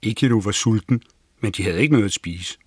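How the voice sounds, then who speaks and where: A man with a fairly low voice reads a children's story aloud. He tells it calmly and evenly, lifting his pitch for the characters' lines. The recording is dry and close, with no room sound. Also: slightly rough, dry recording. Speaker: audiobook narrator. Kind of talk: scripted storybook narration.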